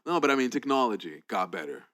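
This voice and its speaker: A man's voice: medium pitch, sing-song, pushed and bright. Playful young man co-hosting a podcast. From Canada. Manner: playful, quick reactions, laughs easily. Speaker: podcast co-host. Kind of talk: casual chat.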